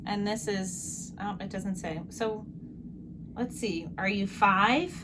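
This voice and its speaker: A woman's voice: mid-range voice, takes it slowly. A woman casually interviewing a relative, asking short questions and echoing back the answers. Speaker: interviewer, granddaughter. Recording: clear background noise.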